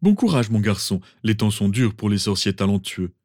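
A man voicing a pompous, sentimental old male wizard professor, with theatrical, drawn-out exclamations. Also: on the low side, sing-song, a little mellow, no echo, clean studio sound. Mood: fussing. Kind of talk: fan audiobook reading.

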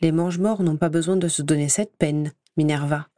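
A woman reading an audiobook voices a sneering, spiteful male professor who speaks slowly and mockingly. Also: sits low, steady tone, mellow, no room sound, studio quality, lightly acted. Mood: scornful. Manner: slow, scornful, mocking.

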